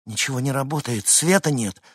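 A frightened young mother, voiced by a male audiobook reader, who answers a stranger in stunned, pleading lines. The husky voice is lifted higher than his own. It is recorded close and dry. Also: a little fast, no echo, close to an everyday voice. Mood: bewildered. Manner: stunned, pleading, then calling out.

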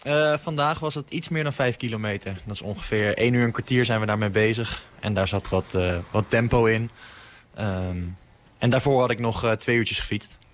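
A male athlete who is a guest, out of breath after training, giving plain, halting answers from a home studio. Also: on the low side, slight background noise.

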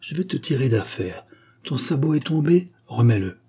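A man voicing a sly, horned, hairy devil in a storybook reading, coaxing in a soft, partly whispered voice. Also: medium pitch, very animated, normal speed, breathy edge.

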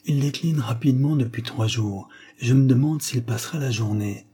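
A man's voice: mid-range voice, normal speed, dark tone, slightly rough. A man reading an audiobook, voicing an anxious, deferential elderly landlady. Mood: worried. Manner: anxious, respectful.

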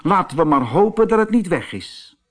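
A man's voice: high voice, big pitch swings, normal speed, pitched above the performer's own voice. A male reader voicing a shrewd, worried mother who scolds her son in exasperation, in a Dutch storybook. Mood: exasperated.

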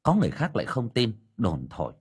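A man narrating an audiobook story in a colloquial, lively storytelling manner. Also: on the low side, fast, breathy edge.

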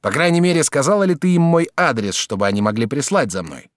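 A man's voice: mid-range voice, fast talker, dry recording, clean studio sound, voice pushed up, close to an everyday voice. A man voicing a brash, scheming young man who talks in a pushy, impatient way. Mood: eager.

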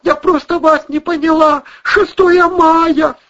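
A man's voice: extremely high pitch, fairly even intonation, slow pace, fairly bright tone, lo-fi sound, voice pushed up, heavily acted. A man reading aloud, voicing a frightened, bewildered young woman trapped in a cellar. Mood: confused. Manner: pleading, bewildered.

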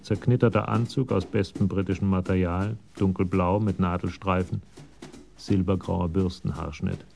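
An actor narrating a police radio drama in a measured, literary storytelling manner. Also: male voice, deep voice, steady tone, creaky, darkish tone. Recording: music under the voice.

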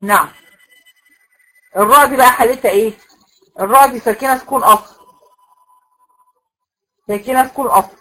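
A woman's voice: on the high side, a little fast, long pauses, pushed and bright, rough recording. Egyptian woman teaching a recitation class. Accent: Egyptian Arabic. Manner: explains step by step, asks the class questions and answers them herself. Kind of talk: classroom lecture.

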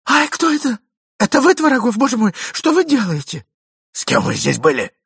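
Man doing a gushing, flustered high-voiced lady. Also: sing-song, brisk, breathy edge, dry recording, clean studio sound, exaggerated voice. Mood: alarmed. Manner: breathless, gushing, exclamatory.

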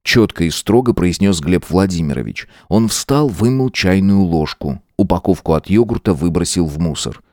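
Male audiobook narrator, low pitch, dry close sound, steady reading. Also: moderate pace, hardly any pauses, no echo. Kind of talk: scripted narration.

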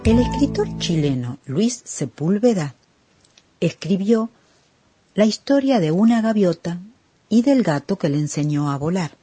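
A woman calmly narrating a story adaptation for a children's radio program. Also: lowish voice, faint music behind. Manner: slow, calm narration.

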